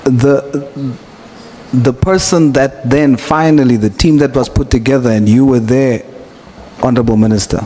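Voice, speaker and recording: A South African man formally questioning a witness at a hearing, in a deliberate, probing way. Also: mid-range voice, steady tone, mellow. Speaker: committee member questioning a witness. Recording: noisy hearing room ambience.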